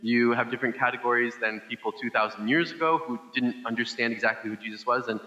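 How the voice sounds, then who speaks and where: A man's voice: mid-range voice, steady tone, fast talker, pushed and bright, big-room sound, highs cut off. A man preaching a casual Sunday sermon on a microphone, chatty and loose, with many fillers and restarts. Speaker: pastor. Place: church service.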